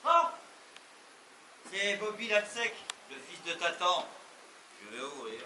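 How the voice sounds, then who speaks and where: A man on a theatre stage playing a slow-witted, soft-hearted father of the bride who answers hesitantly. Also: sits high, sing-song, full character voice. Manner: hesitant, simple answers, swings from meek to loud. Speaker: stage actor. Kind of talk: live stage comedy acting. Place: farm theatre stage, live audience. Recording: echoey room, far off, hissy.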